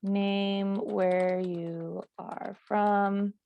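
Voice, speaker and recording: Woman coach, 30s, from New Mexico, chatty and informal, smooth voice on a dull, dry lo-fi call line. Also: mid-range voice, very slow, no echo. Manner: relaxed and chatty, with many fillers. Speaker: volleyball coach leading a class. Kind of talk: casual class introduction on a video call. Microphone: video call mic.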